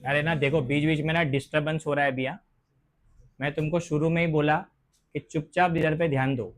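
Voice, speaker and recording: High-voiced man teaching chemistry. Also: fairly even intonation. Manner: slows to dictate English terms, asks and answers own questions. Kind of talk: classroom lecture.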